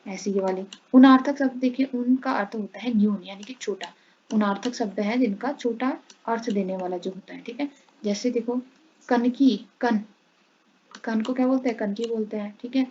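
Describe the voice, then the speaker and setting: A woman's voice: on the high side, normal speed, a little mellow, slightly rough. Woman teaching grammar on dull lo-fi audio. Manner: lists word pairs, says "ठीक है" after each set, mixes English words into her Hindi. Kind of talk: classroom-style lesson. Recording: dull, slightly noisy lo-fi audio.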